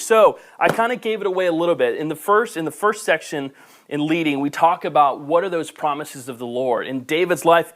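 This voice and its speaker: A man preaching a sermon to a camera, impassioned, swinging between loud emphasis and soft, gentle asides. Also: on the high side. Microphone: camera mic.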